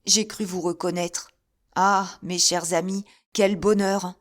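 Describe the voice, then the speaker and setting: A woman reads a commanding musketeer captain in a classic adventure audiobook, raising her voice into a louder, higher urgency. He talks in pressing, clipped orders, with no hurry in the overall pace. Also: fairly even intonation, slow pace. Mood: urgent. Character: bold Gascon musketeer captain, middle-aged man. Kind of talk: audiobook character reading.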